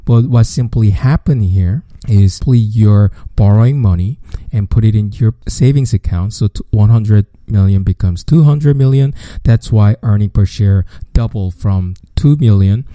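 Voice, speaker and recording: Low, mellow-voiced man explaining finance. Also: normal speed, dry recording. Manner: steady, methodical explaining with simple repeated phrasing. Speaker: podcast host. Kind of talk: explanatory podcast lecture.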